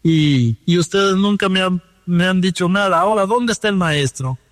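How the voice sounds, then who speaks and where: A man's voice: high-pitched, animated, moderate pace, no room sound, studio quality, long reverb tail. Dominican man telling his story. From Dominican Republic. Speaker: guest. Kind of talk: testimony over the phone. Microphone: phone line.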